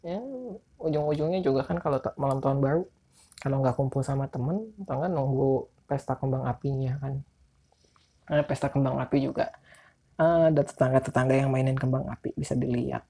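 Male podcast host, Jakarta accent, dark mellow tone, can't roll his r's, loose and informal. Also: mid-range voice, steady tone, normal speed, long pauses. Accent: Jakarta Indonesian. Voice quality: speech impediment on r, cannot roll his r's. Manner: informal, rambling, self-deprecating. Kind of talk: casual solo podcast chat.

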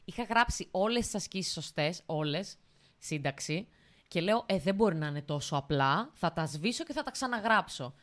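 A woman's voice: fairly low pitch, animated, fairly bright tone. A young woman hosting a podcast, chatting casually, laughing often and using slang. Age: young adult. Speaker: podcast host. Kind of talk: casual chat.

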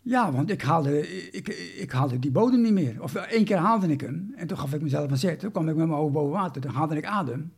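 Guy telling his story, lots of stops and restarts, raspy gravelly voice. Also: on the high side, expressive, a little fast, few pauses, a little mellow. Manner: hesitant, many restarts and fillers. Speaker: interviewee. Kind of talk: recounting a personal story.

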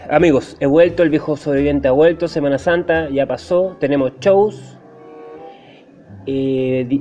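A young Chilean man with a Chilean Spanish accent, delivering a deadpan, exaggerating comic monologue. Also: fairly high pitch, highs cut off. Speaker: stand-up comedian.

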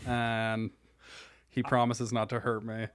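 A man's voice: mid-range voice, monotone, takes it slowly. A man guesting on a comedy podcast, joking wryly in casual banter.

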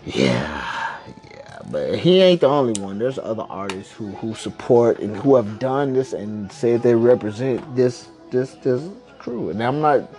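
A man's voice: mid-range voice, animated, measured pace, music in the background. A man hosting a casual podcast from home, rambling along in slang and swearing freely. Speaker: podcast host. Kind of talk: casual chat.

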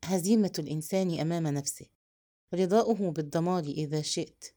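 A woman voicing a proud, bold yet tender young woman, speaking softly and intimately in a storybook reading. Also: lowish voice, fast talker, close to an everyday voice.

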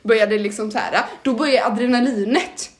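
A woman's voice: fairly high pitch, echoey room. A young woman co-hosting a podcast, chatting casually in an upbeat, teasing way. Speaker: podcast co-host. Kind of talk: casual chat.

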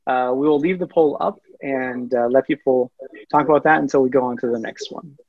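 A man hosting an online event, speaking off the cuff in a halting way with pauses, over a video call. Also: mid-range voice, no echo. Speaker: host and moderator. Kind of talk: unscripted online event introduction. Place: online video call, close dry sound. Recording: dull, lo-fi online call audio.

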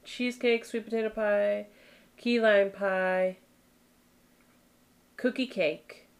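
A young woman co-hosting a casual podcast, chatting in a relaxed, easily amused way. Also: medium pitch, slow pace, rough recording. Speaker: podcast co-host. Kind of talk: casual chat.

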